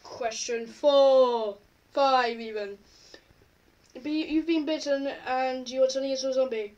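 A woman with a high voice chats casually through an online quiz, reading each question aloud and answering offhand. She sits a little back from the microphone, so her voice carries some distance. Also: steady tone, moderate pace, highs cut off. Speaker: vlogger. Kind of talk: casual chat while taking an online quiz.

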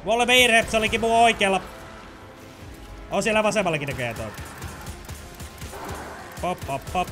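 Lively excitable gamer man. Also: high-pitched, pauses often, soft background music. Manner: excitable, makes sound effects, chatty. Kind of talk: let's play commentary.

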